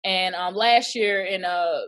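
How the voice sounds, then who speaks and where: A woman's voice: lowish voice, slow pace. A woman, an actress chatting as an interview guest and acting out quoted voices as she tells stories. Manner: lively storyteller who acts out quoted voices. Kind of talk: casual interview chat.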